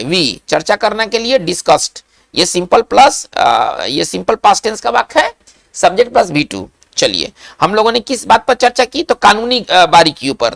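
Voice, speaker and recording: A woman teaches English vocabulary in an online lesson, her pitch rising and falling in a lively way over a slightly gravelly voice. She explains patiently, checks often that the viewer is following, and slows down to dictate each example sentence. The recording is dry and close, with no room sound. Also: no room sound.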